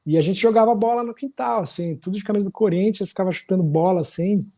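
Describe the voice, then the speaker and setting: On a podcast, a fortysomething musician from São Paulo tells casual stories at a fast clip in Paulistano Brazilian Portuguese. His warm, mellow voice sits somewhat high for a man, and he meanders along, often finishing sentences with small tag questions.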